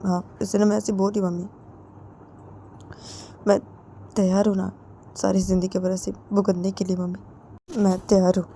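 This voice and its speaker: A soft-spoken young bride, as a woman narrator plays her, pleading in a hushed, mellow voice that drops near a whisper. The delivery stays quiet and earnest throughout. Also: mid-range voice, level tone, normal speed, pauses often, slight background noise, lightly acted.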